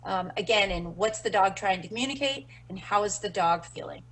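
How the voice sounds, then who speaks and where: A woman's voice: medium pitch, a little fast, fairly bright tone, a little hiss or hum, rough recording. Woman explaining dog stress signals casually. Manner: explanatory, many fillers. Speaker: dog training instructor. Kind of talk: webinar lesson.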